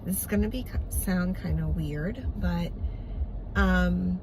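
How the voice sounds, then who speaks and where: Long island lady talking slow, lots of ums, noisy home video. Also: on the low side. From Long Island, New York. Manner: rambling, hesitant, with many fillers. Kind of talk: recorded video message to a friend.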